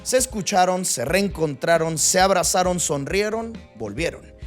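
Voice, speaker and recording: Guy narrating a music doc, high voice, punchy short phrases, faint music behind. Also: expressive, a little slow. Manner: dramatic, clipped listing phrases. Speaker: documentary narrator. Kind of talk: scripted narration.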